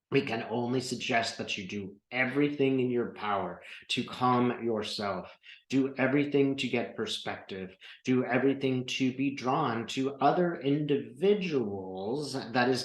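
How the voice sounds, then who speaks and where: Man channeling like a seance medium, echoey room. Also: mid-range voice. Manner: measured, deliberate, formal phrasing with rhetorical repetition. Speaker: trance channeler. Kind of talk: channeled spiritual talk, seance medium speaking as "we".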